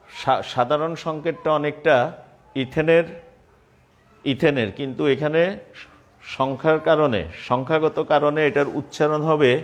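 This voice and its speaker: A man teaching a chemistry class, repeating terms slowly and spelling out formulas step by step. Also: a little high. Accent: Bangladeshi Bengali. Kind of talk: classroom lecture.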